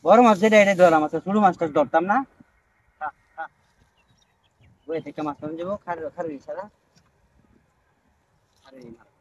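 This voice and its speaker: A man performing a comic fishing skit, talking in excitable, scolding bursts. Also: on the high side, moderate pace, pauses often, slight background noise. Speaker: comic fisherman.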